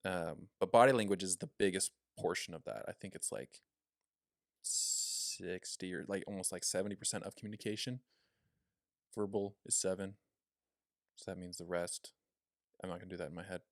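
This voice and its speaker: A young man with a lowish voice chats casually on a podcast. He talks loosely, leaning on fillers. The sound is dry and close. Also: normal speed, pauses often, no echo. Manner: chatty, filler-heavy, demonstrates voice tones. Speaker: podcast co-host.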